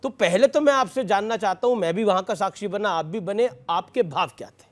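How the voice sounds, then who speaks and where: A man hosting a televised news debate, jumping in with quick interjections and teasing his guests. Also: sits high.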